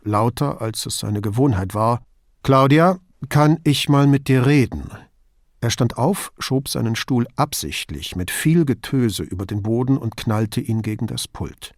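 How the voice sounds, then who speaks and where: A man reading an audiobook in measured storytelling narration, close to the mic. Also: fairly low pitch, no echo. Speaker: audiobook reader. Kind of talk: scripted narration.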